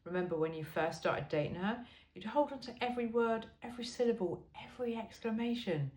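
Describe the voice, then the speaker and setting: A woman with a fairly high, slightly mellow voice reads a funny self-help book a little fast and with animation. She's informal, wry and emphatic, breaking off for chatty asides, and her voice echoes in a roomy space.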